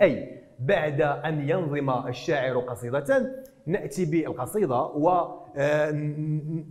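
Male teacher from Morocco with a slightly high voice, giving a recorded lesson; slow and deliberate, repeats words, many fillers. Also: a little mellow.

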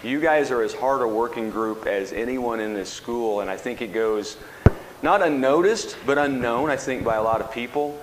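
In a large, hard-walled classroom, a man hosting a school radio show interviews a group of students at a moderate pace in a mid-range voice. He's friendly and encouraging, chuckling in asides, and the recording sounds echoey with background noise.

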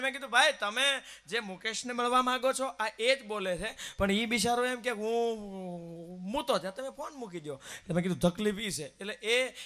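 Animated man telling stage jokes. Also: high-pitched. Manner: animated comic storytelling, acting out quoted voices. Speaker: folk singer telling jokes between songs. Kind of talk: live folk stage storytelling. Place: village temple stage, live event.

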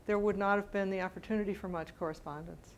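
A quick pace and fairly even intonation mark this mid-range female voice, heard with slight background noise. The middle-aged lecturer takes questions from an audience in a bright mid-sized library meeting room after a scholarly talk, informal and tentative, often revising her words as she reasons aloud.

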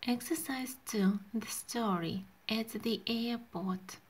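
A woman's voice: fairly high pitch, slow pace, noisy background. A woman teacher narrating a scripted lesson for young children in short, simple instructions.

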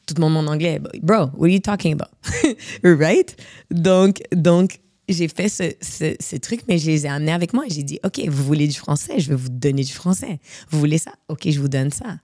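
A woman's voice: sits low, moderate pace, no echo, clean studio sound. A woman from Morocco, a coach, talking casually in an interview and dropping English words into her speech. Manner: mixes English words into French, animated. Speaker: guest speaker and coach.

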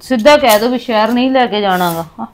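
A woman's voice: fairly high pitch, fast, lightly acted. A young woman playing a hurt wife in a short film, talking in a plaintive, complaining way. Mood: aggrieved. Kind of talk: Punjabi short film acting.

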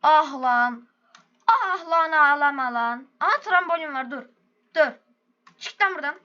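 A woman hosting a gaming video, commenting on her play with loud, excitable exclamations and rough slang. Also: sits high, a little slow, muffled recording.

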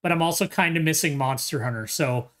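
A man's voice: a little high, a little fast, a bit bright. A tired man in his thirties chatting casually on a video game livestream. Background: game music.

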